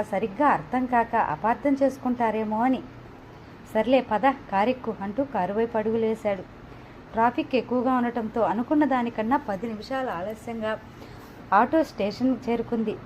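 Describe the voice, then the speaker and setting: A woman's voice: on the high side, normal speed, a little mellow, slight background noise. A woman reading a novel aloud, narrating and speaking every character's lines in much the same voice. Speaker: audiobook narrator. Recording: slightly dull, lo-fi home recording.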